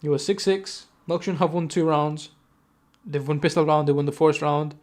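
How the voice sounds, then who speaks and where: Calling a live esports match at speed, this man stumbles and self-corrects as he goes, with a voice pitched slightly above the usual male range. Between plays he slips into casual asides and breaks into abrupt bursts of excitement.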